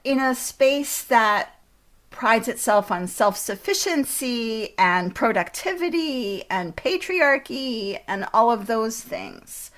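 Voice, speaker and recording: A woman interviewer speaking conversationally, with thoughtful and measured phrasing. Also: a little high, animated, fairly bright tone.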